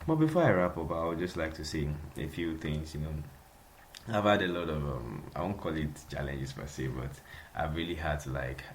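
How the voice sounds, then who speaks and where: A man's voice: extremely low pitch, animated, normal speed, slight background noise. A young Nigerian man with a Nigerian accent, hosting a casual solo podcast, chatty and repeating himself, laughing often. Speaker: podcast host.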